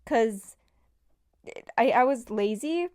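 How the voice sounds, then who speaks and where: A young woman talks through her hobby game project in an unhurried, rambling way, full of fillers and self-deprecating asides. Her voice has a smooth, clear tone with a valley girl lilt. The recording is dry and close, with no room sound. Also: on the high side, lively intonation, darkish tone, dry recording. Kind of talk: casual devlog narration.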